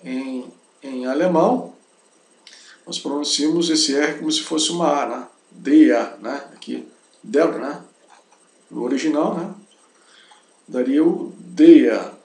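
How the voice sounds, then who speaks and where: A gravelly, slightly high male voice leads a slow German lesson, unhurried and marked by long pauses. Words are repeated several times, little tag questions check in with the listener, and the space sounds roomy and echoey.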